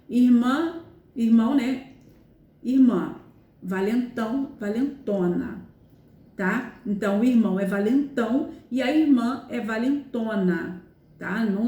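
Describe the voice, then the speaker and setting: A Portuguese teacher, a woman with a fairly high, mellow voice, records a grammar lesson in a roomy-sounding space. She explains each rule in steps, repeats her examples, and frequently checks in with her students using "tá?" and "né?".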